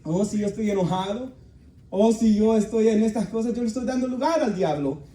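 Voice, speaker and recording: A man's voice: high voice, brisk, dark tone. A male pastor preaching earnestly to his congregation, speaking. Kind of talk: sermon. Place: church hall. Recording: echoey room, voice from far off.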